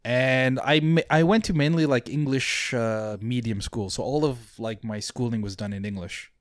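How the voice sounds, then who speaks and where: A young man from Mauritius who grew up abroad speaks in a mid-range voice, recorded close and dry. He talks casually as an interview guest, pausing, restarting and trailing off, with an easy, amused tone. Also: mid-range voice, no echo. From Mauritius, raised in Saudi Arabia. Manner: hesitant, many fillers and restarts, chuckles easily.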